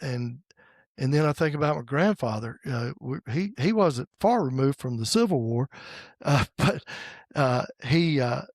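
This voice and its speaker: A man in his sixties from the United States, hosting a podcast in a casual faith conversation and pausing often with fillers and restarts. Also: medium pitch, animated, no echo, studio quality. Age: 60s. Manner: halting, with many fillers and restarts. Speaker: podcast host.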